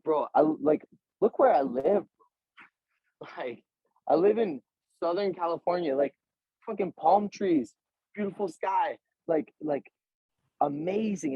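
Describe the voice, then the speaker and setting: Gravelly-voiced young man, slangy and earnest. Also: on the high side, no echo. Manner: slangy, swears freely, says "bro" a lot; retells scenes by voicing both sides of the talk. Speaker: interview guest, pro fighter. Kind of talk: casual interview talk. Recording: dull, lo-fi, dry sound.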